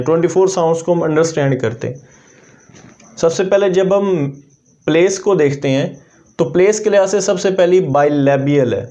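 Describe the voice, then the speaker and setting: A man teaching an English language lesson, explaining methodically and repeating example words slowly to demonstrate them. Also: a little high, warm tone.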